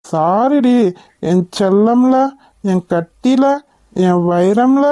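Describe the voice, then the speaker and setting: A woman's voice: mid-range voice, very slow, dark tone. A woman voicing a coaxing, apologetic cartoon husband. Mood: pleading. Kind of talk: cartoon voice acting.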